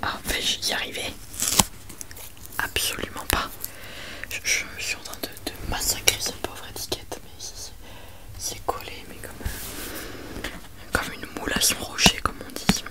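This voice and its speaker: A woman presents books in a hushed ASMR library whisper, chatty and rambling with self-mocking asides. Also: unhurried, pauses often. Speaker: ASMR video creator.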